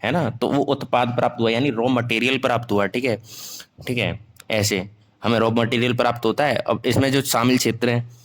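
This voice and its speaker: A man's voice: mid-range voice, steady tone, brisk. A young man teaching an online class, dictating notes in a casual way. He mixes Hindi and English, stops to check in after nearly every phrase and corrects his own slips aloud.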